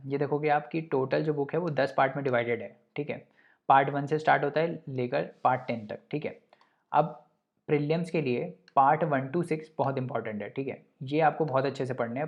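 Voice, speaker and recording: Young guy talking through study tips, pretty flat even voice, keeps saying theek hai. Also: mid-range voice, brisk, dull audio. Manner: repeats "theek hai" to check in, mixes English terms into Hindi. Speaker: exam coaching presenter. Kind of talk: casual explanatory lesson.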